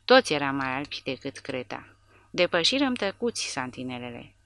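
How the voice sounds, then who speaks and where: A woman narrating an audiobook in a measured, dramatic reading. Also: extremely low pitch, big pitch swings, fairly bright tone, no room sound. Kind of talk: scripted narration.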